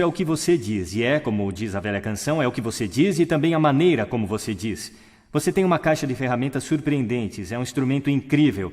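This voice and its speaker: Man speaking in an echoing auditorium. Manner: demonstrative, swings pitch and volume for examples. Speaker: speaker giving a talk on voice. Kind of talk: stage talk. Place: large auditorium stage.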